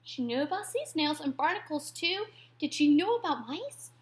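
Woman, high voice, rhyming storybook read-aloud, expressive, whispers for suspense. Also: moderate pace.

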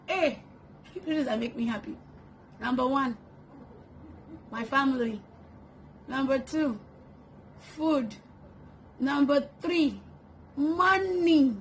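Laughing frequently, a woman in her twenties playfully introduces herself in a get-to-know-me vlog shot in her bedroom with a camera on a tripod. Her pitch is fairly high. The recording is rough, with slight background noise.

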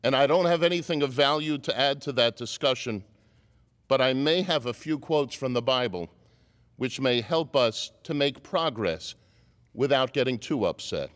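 A man giving a commencement speech in a wry, joking way. His voice sits at an ordinary middle pitch. A long reverb trails after his words, as if in a large hall. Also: expressive, normal speed, fairly bright tone. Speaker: commencement speaker.

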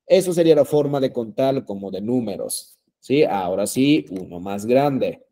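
A man's voice: mid-range voice, expressive, normal speed, warm tone. A man teaching a language class, patient and repetitive, with many fillers and check-ins. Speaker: Japanese teacher.

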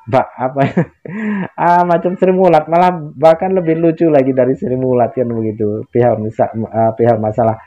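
A man's voice: medium pitch, fairly even intonation, moderate pace. A man hosting a channel, giving mocking commentary and often chuckling. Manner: mocking, laughs between phrases. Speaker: channel host. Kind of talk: commentary to camera. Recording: dull lo-fi sound.

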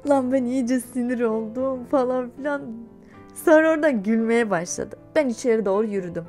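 Her voice is fairly high and her pace moderate, with gentle music underneath. The speaker is a young woman YouTuber vlogging casually, lively and talkative, laughing as she relates a story from her own life.

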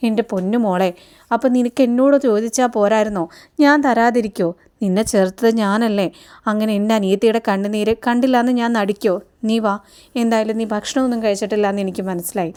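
A woman's voice: medium pitch, quick pace, a little mellow, clean tone, natural voice. A woman voicing a caring young married woman comforting her younger sister. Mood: tender. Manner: tender, comforting.

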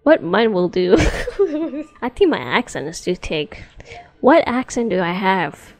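A woman's voice: mid-range voice, very animated, slow pace, soft background music. A woman chatting casually as she tests a voice assistant, giggling often between her questions. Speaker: streamer testing a voice assistant. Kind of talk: casual chat.

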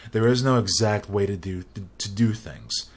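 A young man hosting a screen-recorded software tutorial, talking casually and rambling, often restarting his phrases. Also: lowish voice, normal speed.

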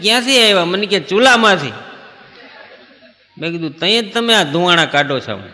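A man's voice: sits high, pushed and bright, in a large hall. A man performing stand-up comedy, telling anecdotes and acting out short exchanges between people. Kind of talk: Gujarati folk stand-up storytelling.

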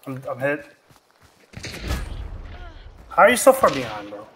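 A man's voice: mid-range voice, big pitch swings, fairly bright tone, slight background noise. Swearing man making game callouts. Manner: blunt, swears freely, quick callouts. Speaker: gamer. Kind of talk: casual chat while playing.

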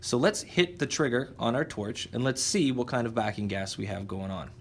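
A man's voice: mid-range voice, moderate pace, slight background noise. A man teaching welding in a workshop, explaining each step plainly while he demonstrates. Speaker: welding instructor. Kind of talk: instructional demonstration.

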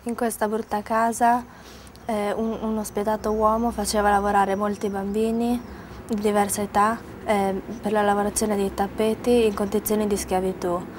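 A woman's voice: mid-range voice, level tone, moderate pace, a little hiss or hum. A teenage schoolgirl reporting for a school news broadcast, reading hesitantly with fillers. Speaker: student reporter.

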